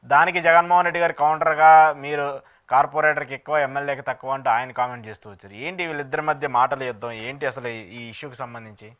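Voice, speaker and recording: A man's voice: medium pitch, steady tone, quick pace, a bit bright. A man with a Telugu accent interviewing as a journalist, asking leading questions between frequent short acknowledgements. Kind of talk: political interview.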